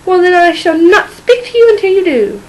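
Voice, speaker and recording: A woman's voice: sits high, a little fast, natural voice, low-quality recording. A woman voicing a greedy, money-obsessed mother who cackles and shrieks theatrically. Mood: pleading. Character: greedy, shrill, money-mad middle-aged mother.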